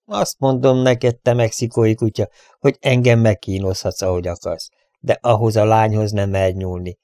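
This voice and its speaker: A man's voice: fairly low pitch, steady tone, mellow, no room sound, studio quality, close to an everyday voice. A man voicing a brave young captive who speaks defiantly through clenched teeth. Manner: defiant, hissed.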